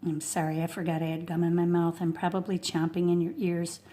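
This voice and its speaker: Working from her home studio beside a wood stove, a female art instructor runs a casual watercolor tutorial, mic close and full of fillers as she thinks aloud. Her voice is fairly low, warm and flat, a little fast, and a faint blower hum plays in the background.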